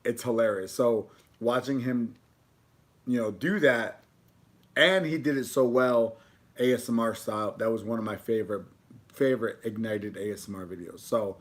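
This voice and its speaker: A man's voice: medium pitch, fairly bright tone. A man chatting informally on a food livestream, rambling along with casual slang. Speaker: food video creator.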